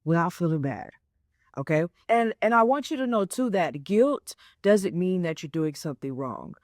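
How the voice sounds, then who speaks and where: On the low side and a little mellow, her voice is animated and moderately paced. She's a life coach in her twenties doing a solo motivational podcast, casual in tone, frequently adding "right?" and "okay?" and restating points for emphasis. The audio is dry and studio quality.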